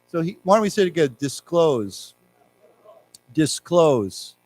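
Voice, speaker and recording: Man, English teacher, slightly raised pitch, lecture in a library room, reads passages slowly, explains and spells out words. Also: poor audio. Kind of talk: classroom lecture on news vocabulary.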